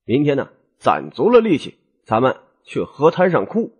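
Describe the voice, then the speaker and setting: Shrewd, easygoing nobleman husband, voiced by a male storyteller; husky, lively, coaxing. Audiobook storytelling. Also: medium pitch, moderate pace, heavily acted.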